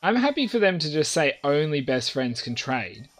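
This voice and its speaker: A man's voice: a little high, sing-song, moderate pace, fairly bright tone, faint music behind. A man chatting casually to his viewers during a live game stream, rambling and talking straight to them. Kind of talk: casual live-stream chat while playing.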